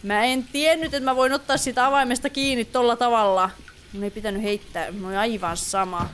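A woman's voice: fairly high pitch, steady tone, a bit bright, slight background noise. A woman giving casual let's play commentary on a horror game, chatty and easily startled. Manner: chatty, easily startled, mixes English exclamations. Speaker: gaming YouTuber.

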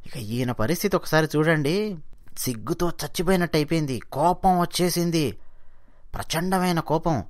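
A man narrating a devotional story, explaining verses politely and chanting them slowly. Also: fairly high pitch, no echo, clean studio sound. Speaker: religious storyteller.

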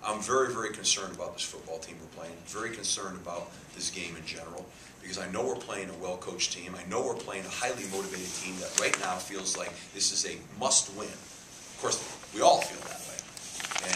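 A man's voice: low voice, fairly quick, hardly any pauses. A man in his fifties, a head football coach answering at a press conference, emphatic, repeating words and gesturing. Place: press room with a sponsor backdrop. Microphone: table mic cluster. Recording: echoey room, faint hiss.

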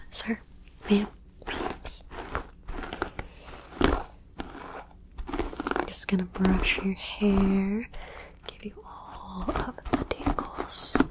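A woman whispering through an ASMR roleplay, talking straight to the listener in soft, slow, repetitive soothing phrases with a playful touch. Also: medium pitch. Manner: playful, addresses the listener directly. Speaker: ASMR creator.

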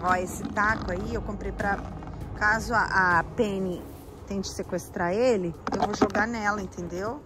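A woman's voice: mid-range voice, fairly even intonation, a little slow, background noise. A Brazilian woman with a Brazilian Portuguese accent, vlogging casually to a handheld camera outdoors in a playful, dramatic, exclaiming way. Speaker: family vlogger. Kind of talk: casual vlog talking to camera. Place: outdoors by the water and streets.

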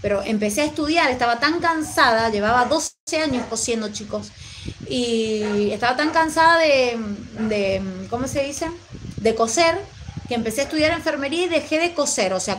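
A woman's voice: on the high side, expressive, fairly quick, a little hiss or hum, rough recording. A woman from Mendoza with a Mendoza Argentine accent, reading and answering her live chat in an affectionate, rambling way. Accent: Mendoza Argentine Spanish. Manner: chatty, affectionate, rambling with fillers.

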